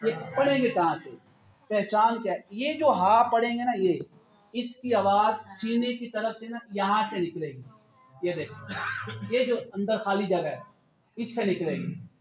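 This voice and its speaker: Man drilling pronunciation in a roomy class. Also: high voice. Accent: Pakistani Urdu. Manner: drills sounds slowly, repeating them for the class. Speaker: religious teacher. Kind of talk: tajweed pronunciation lesson. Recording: roomy, dull lo-fi, loud hiss.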